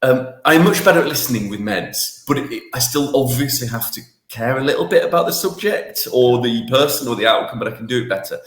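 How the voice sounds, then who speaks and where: A man's voice: medium pitch, lively intonation, a little fast, few pauses, fairly bright tone, reverberant. A man co-hosting a podcast, talking casually in a rambling, self-deprecating way with lots of restarts. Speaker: podcast co-host. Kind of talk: casual banter.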